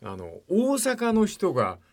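A man's voice: high voice, huge pitch swings, slow pace, darkish tone. Older guy on radio, rambly folksy talk, voice goes up and down a lot. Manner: rambling, folksy storytelling, asks the co-host questions. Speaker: radio host.

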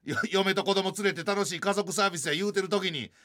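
A man in his forties with a Kansai accent, telling a funny story in a lively, self-mocking way. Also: sits high, fast talker, no echo, clean studio sound. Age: 40s. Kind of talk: comic storytelling chat.

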